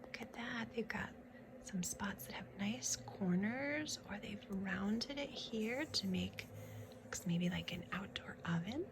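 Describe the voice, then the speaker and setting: A woman with a medium-pitched, expressive voice reads a picture book aloud to young children against a noisy background. Her tone is instructive, and she pauses to point out the pictures, adding casual asides and asking questions about them.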